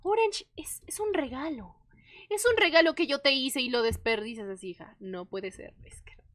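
Here the same kind of let's-play is delivered at normal speed: a high-pitched woman, a gaming YouTuber, narrates a life-simulation game in a dry, clean studio recording. Her commentary is lively, theatrical and full of playful jokes.

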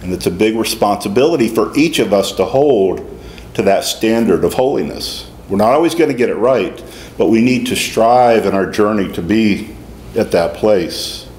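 A middle-aged deacon with a lowish, darkish-toned voice preaches a homily at normal speed, sounding animated. He delivers the sermon conversationally with folksy asides in a small stone-walled church, the recording echoey with faint room noise.

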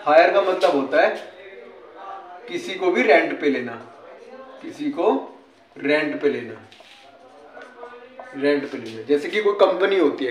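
A man with an Indian accent explaining English words like a teacher, often asking a question and answering it himself. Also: fairly high pitch. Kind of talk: casual classroom-style explanation. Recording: echoey room.

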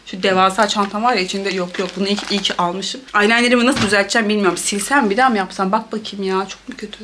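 A young woman chatting playfully to a handheld camera for her travel vlog, laughing often and breaking into lively exclamations. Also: medium pitch, rapid-fire, noisy background. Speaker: travel vlogger. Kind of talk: casual travel vlog chat.

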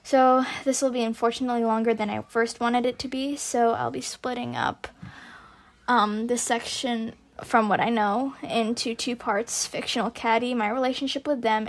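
Higher-pitched raspy woman, hesitant commentary. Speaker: video creator and narrator. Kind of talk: casual commentary on online drama, loosely scripted.

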